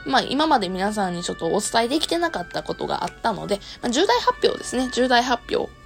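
A woman host with a Kansai accent talks casually to her listeners in a worn, hoarse voice. Her pitch sits fairly high and swings in an animated way, and she laughs often. Soft music plays behind her. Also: fast. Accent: Kansai Japanese. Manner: laughs often while talking. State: hoarse, worn voice after long streaming. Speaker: host of an audio talk show and live streamer. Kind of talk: casual solo talk to listeners.

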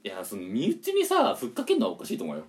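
A young man co-hosting a casual podcast chat, teasing his partner with quick retorts. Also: mid-range voice, huge pitch swings, a little mellow. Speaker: podcast co-host.

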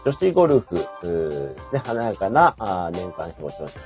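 Young male co-host, low and lively, chatty news reader; lo-fi online audio, faint music. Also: measured pace. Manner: chatty, laughs often, reads headlines with fillers. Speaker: podcast co-host. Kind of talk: casual chat, reading a news ranking.

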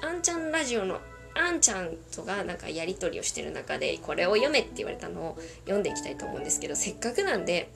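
A woman's voice: lowish voice, sing-song, fast, vocal fry. A woman hosting a casual podcast, reading out listener requests in a playful, self-conscious way and laughing often. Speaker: podcast host. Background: faint background music.

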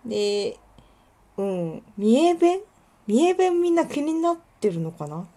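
A woman's voice: a little high, very animated, a little slow, dark tone. Young woman w a bit of kuwana dialect just rambling on her own little radio show, lots of ums, voice bouncing all over. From Kuwana, Mie, Japan. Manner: chatty, rambling, many fillers, light self-deprecating laughs. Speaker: podcast host. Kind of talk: casual solo radio talk.

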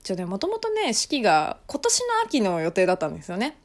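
A young woman hosting her own podcast, chatting casually on her own with frequent laughs and soft fillers. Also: medium pitch, huge pitch swings, fast. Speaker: podcast host. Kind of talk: casual solo podcast chat.

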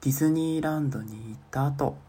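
A young man in his twenties telling short comic bits on his own podcast. His delivery is deadpan and self-mocking. He drops to murmured asides for his inner thoughts, at an ordinary middle pitch. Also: quick pace, noisy background. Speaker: solo podcaster. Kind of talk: comic monologue.

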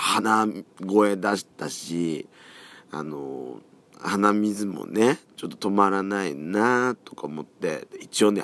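Hoarse deep-voiced man with a cold. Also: fairly bright tone. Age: around 40. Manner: rambling and chatty, voice often drops low and trails off. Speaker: podcast host. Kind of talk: casual solo podcast chat.

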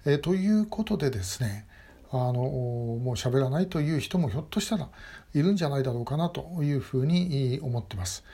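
Man giving hesitant spoken commentary, dark voice. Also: medium pitch, expressive, husky. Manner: measured, with frequent hesitation fillers. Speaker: host of a short message broadcast. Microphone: phone or webcam video selfie.

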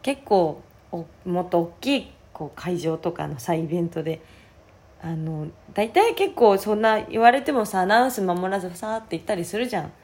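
A woman with a hoarse, raspy voice talking casually on her own as a podcast host. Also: lowish voice, moderate pace, a little mellow. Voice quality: husky, raspy. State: hoarse voice, worn out from the day before. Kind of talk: casual solo chat.

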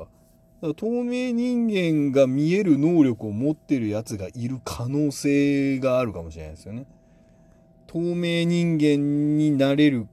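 A man's voice: mid-range voice, mellow. A man with a Kansai accent who hosts a casual solo talk podcast and muses aloud in a rambling, playful way. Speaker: podcast host.

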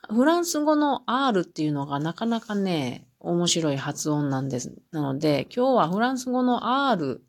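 A woman teaching French on a solo podcast, explaining patiently with many fillers and reading example phrases slowly twice. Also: fairly low pitch, very animated. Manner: reads French phrases slowly, then repeats them.

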